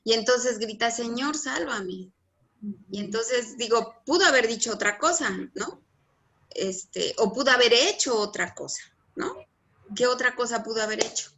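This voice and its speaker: Bright-voiced woman leading a group. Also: a little high. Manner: asks the group questions, quick acknowledgments. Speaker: Bible study group leader.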